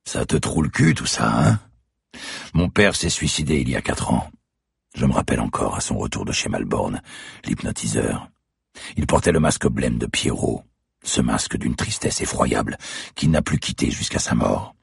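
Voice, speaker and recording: A man voicing a young masked killer who talks in a slow, taunting, mocking way. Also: a bass voice, lively intonation, vocal fry, husky, no echo, clean studio sound, exaggerated voice. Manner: sneering, taunting, slow and deliberate.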